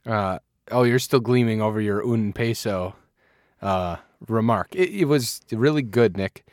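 A man's voice: fairly low pitch, unhurried, no room sound. Wisconsin-accented man in dry, close podcast chat. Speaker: podcast co-host. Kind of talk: casual beer-review podcast chat.

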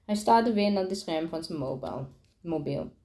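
A woman's voice: deep voice, lively intonation, normal speed, dark tone. A woman reading a children's novel aloud, often tripping over words and restarting them. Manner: stumbling reading with frequent restarts.

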